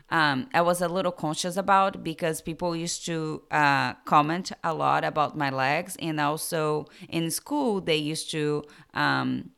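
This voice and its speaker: A woman's voice: deep voice, vocal fry, a bit bright, clean tone. A young adult woman with a Brazilian accent hosting a podcast, telling her life story in a hesitant way with many fillers. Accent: Brazilian Portuguese. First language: Portuguese. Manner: slow, hesitant, frequent fillers. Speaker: podcast host.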